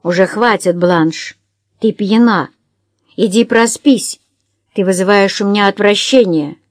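A woman voicing a blind man who speaks quietly and with tight control. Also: medium pitch, unhurried, no echo, studio quality, lightly acted. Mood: restrained. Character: blind man, calm and restrained.

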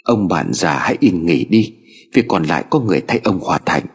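A man voicing a gentle, grave old master who speaks in a solemn, consoling way. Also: fairly low pitch, sing-song, fairly quick, husky.

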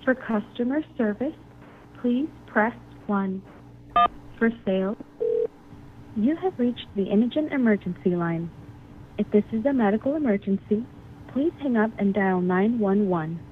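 A woman's voice in a recorded phone menu message, reading options in a measured, even way. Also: mid-range voice. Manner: measured, evenly paced reading. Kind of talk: automated phone menu announcement. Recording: tinny phone line with faint hiss.

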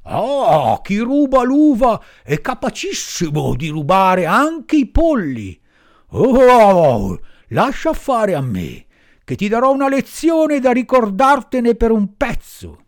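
A gruff farmer barks and scolds, loud and threatening, his words heavy and slow, as a man reading a storybook puts him on. He sounds stern and worked up, not to be argued with. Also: very high-pitched, wildly swooping pitch, voice pushed up, full character voice. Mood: angry.

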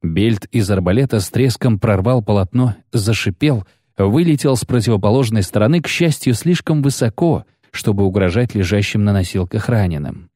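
A man narrating an audiobook in a steady, even storytelling voice. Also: lowish voice, moderate pace, dry recording. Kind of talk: scripted narration. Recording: dry studio sound.

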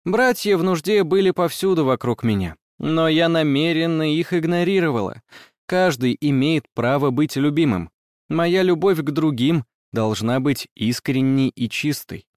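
A man narrating a first-person story in a measured, even reading. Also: a little high, dry recording, studio quality.

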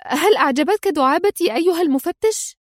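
A woman's voice: very high voice, lively intonation, fast talker, no echo, clean studio sound, voice pushed up. A woman voicing a fierce, nervous female spy in a read-aloud spy story. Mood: sharp fierce. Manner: sharp and nervous.

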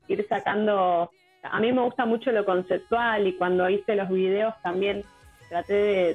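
A woman in her thirties with an Argentine accent, a musician guest talking in a relaxed, hesitant way with many fillers. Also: medium pitch. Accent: Argentine Rioplatense. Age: 30s. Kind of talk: casual radio interview. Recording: tinny phone line with music bed.

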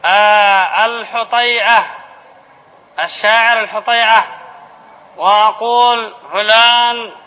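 A male teacher giving a classroom lesson on spelling rules, repeating key phrases, asking the class questions and then answering them, and dictating example words slowly. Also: high-pitched, steady tone. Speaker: Islamic studies teacher. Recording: dull lo-fi lesson recording with faint hiss.

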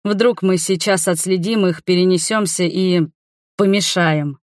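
A woman voicing a stern, protective young male water mage who speaks slowly and low. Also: fairly even intonation, no room sound, studio quality, lightly acted. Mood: calm. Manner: slow, low and threatening.

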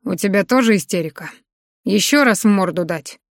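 Woman doing gruff stern husband, short and low, audiobook, dry sound. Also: expressive, brisk, dry recording.

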